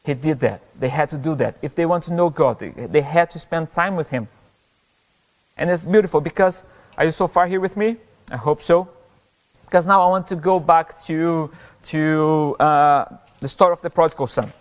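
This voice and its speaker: Male pastor, earnest and halting sermon delivery, slightly high voice, long church reverb. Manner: earnest, halting with restarts and self-corrections.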